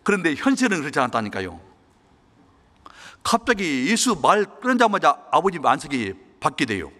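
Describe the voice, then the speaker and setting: A man's voice: fairly high pitch, huge pitch swings, normal speed, a bit bright. A male pastor gives a sermon in a church. He tells a personal story in an earnest, emotional way. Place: church hall. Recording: long church-hall reverb.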